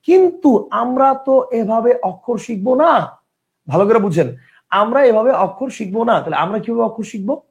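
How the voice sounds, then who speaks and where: A young man hosts an online grammar lesson. His voice sits high and swings widely in pitch, with a gravelly edge. He talks to his class conversationally, repeating each point and checking that they follow. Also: animated, normal speed. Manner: conversational, repeats points and asks listeners questions. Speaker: teacher. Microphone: online class host mic.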